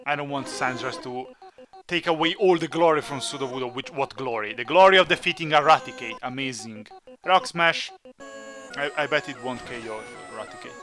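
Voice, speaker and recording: A man's voice: medium pitch, moderate pace, sharp tone, soft background music. A man hosting a gaming video with casual, playful commentary, teasing the characters as he plays. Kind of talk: casual Let's Play commentary.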